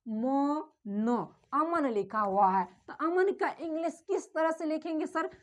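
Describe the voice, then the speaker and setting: Woman teacher, high voice, unhurried drilling delivery that keeps saying "sir". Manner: addresses viewer as "sir", repeats sounds many times. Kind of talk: slow classroom explanation, repeating drills.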